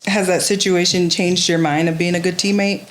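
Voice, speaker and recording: A woman's voice: on the low side, little pitch movement, normal speed, echoey room. A woman hosting a podcast, asking young players probing, coaching questions. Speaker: podcast host.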